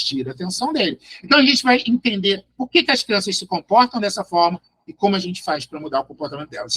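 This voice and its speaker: A man's voice: high voice, bright, forceful tone. A man with a Brazilian Portuguese accent, a psychologist giving a live online lecture, emphatic and addressing his listeners directly. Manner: emphatic, addresses listeners directly, tags sentences with a questioning "right?". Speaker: psychologist teaching a class.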